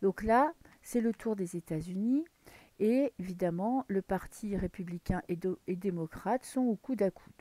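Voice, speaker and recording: The French tarot reader speaks at a moderate pace with a warm, medium-pitched voice, captured in a dry recording. Drawing cards casually for the camera, she thinks aloud and sometimes falls into a whisper.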